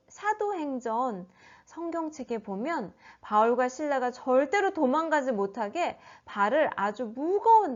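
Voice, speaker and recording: A woman teaching a children's sermon, telling a Bible story in an animated way and asking the children questions. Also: high voice. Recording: dull lo-fi recording.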